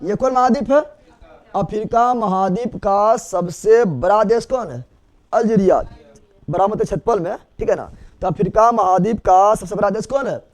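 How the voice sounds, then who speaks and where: A man's voice: high voice, moderate pace. A man teaching a geography lesson, who asks a question and answers it himself, repeating each fact many times over.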